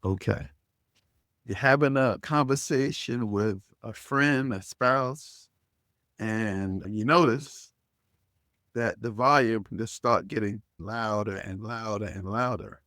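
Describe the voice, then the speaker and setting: A man hosting an interview, asking measured questions. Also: lowish voice, fairly bright tone, no echo, clean studio sound. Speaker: podcast host.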